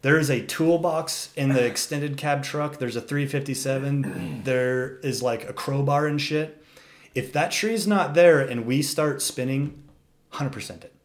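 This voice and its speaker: Animated young man telling a wild story. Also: mid-range voice, a little slow. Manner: animated, profane, says "dude" a lot, acts out quotes. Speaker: storyteller guest. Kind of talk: casual storytelling.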